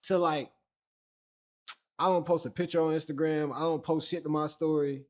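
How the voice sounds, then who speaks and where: A man's voice: on the high side, steady tone, moderate pace, darkish tone. A young man from Fayetteville, North Carolina, hosting a livestream in loose, slangy, profane casual chat full of fillers. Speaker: livestream host.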